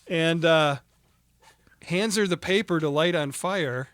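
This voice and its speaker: A man with a slightly higher voice co-hosts a podcast, walking through a film's plot in a loose, animated way. He breaks into laughs and jokey asides. The sound is dry and close to the mic, with no room behind him. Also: slow, no room sound. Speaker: podcast co-host. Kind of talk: casual film discussion.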